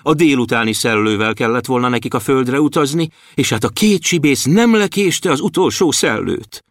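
Élénk, kifejező mesélő férfi. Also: male voice, mid-range voice, no room sound, clean studio sound. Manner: animated, expressive narration. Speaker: storyteller. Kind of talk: children's story reading.

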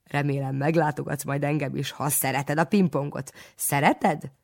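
A reader voicing a jovial village priest who gushes and exclaims in a raised, bright voice. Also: medium pitch, steady tone, gravelly, close to an everyday voice. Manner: gushing, keeps exclaiming. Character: jovial, effusive middle-aged village priest.

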